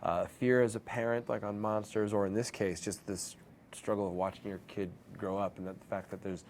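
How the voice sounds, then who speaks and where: A man with a lowish voice, a film producer, answers interview questions. He talks in a relaxed, thoughtful way, with a faint hum of ambience behind him. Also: brisk.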